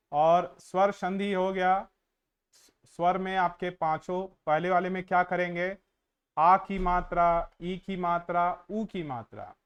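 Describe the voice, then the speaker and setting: A high, smooth-voiced man teaches an exam-prep grammar lesson. He slows down to stretch out individual sounds and keeps quizzing the listener as he goes. The sound is a little dull and lo-fi. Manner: drills sounds slowly, quizzes the viewer.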